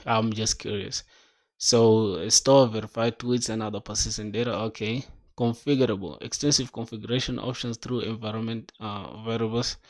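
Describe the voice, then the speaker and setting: This fairly low-voiced young guy talks at a normal speed while coding on stream. He reads documentation under his breath, thinks out loud in slang, says "bro" to his viewers, and now and then bursts out with excitement.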